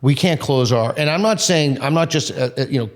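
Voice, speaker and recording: A man's voice: on the high side, brisk. Blunt, rambling male podcast host. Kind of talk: conversational interview.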